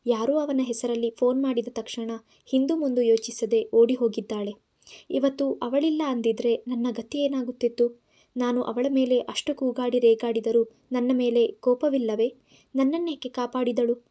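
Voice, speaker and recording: A woman's voice: a little high, dark tone. A woman narrating an audio story in Kannada-accented speech, voicing the characters' lines herself.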